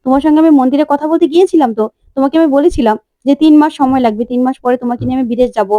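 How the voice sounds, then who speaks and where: A woman's voice: high-pitched, rapid-fire, mellow, dry recording, close to an everyday voice. A woman voicing an earnest young groom who pleads with his bride. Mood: insistent.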